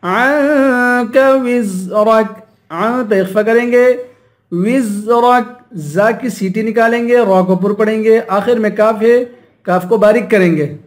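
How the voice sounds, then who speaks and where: A man teaching recitation, chanting verses slowly and melodically, then explaining each rule quickly in a lower voice. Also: darkish tone. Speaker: Quran teacher.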